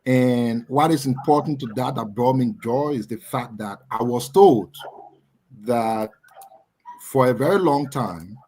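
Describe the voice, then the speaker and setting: This co-host, a young adult man with a Liberian accent, is chatty and laughs frequently during a casual live talk show. He speaks unhurriedly in a mid-range, slightly mellow, husky voice, and the recording quality is low.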